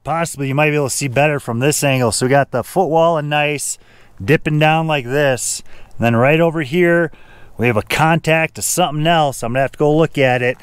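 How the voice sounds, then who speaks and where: A man's voice: on the high side, a little fast, smooth, no room sound. A man narrating his own outdoor prospecting vlog at an abandoned mine, thinking aloud and pointing things out as he goes. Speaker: gold prospecting vlogger.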